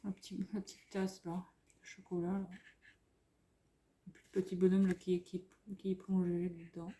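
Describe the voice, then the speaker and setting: A French woman rambles happily through a haul in front of a camera on a tripod, gushing over every cute item. Her voice is mellow and soft-edged, full of fillers and restarts. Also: lowish voice, level tone, moderate pace. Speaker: craft vlogger showing a haul. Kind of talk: casual haul commentary.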